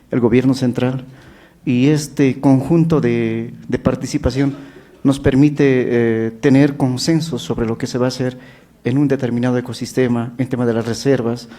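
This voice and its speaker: A man speaking as a panelist, halting as he lists things, with frequent hesitations. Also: medium pitch, dark tone. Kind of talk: panel discussion remarks.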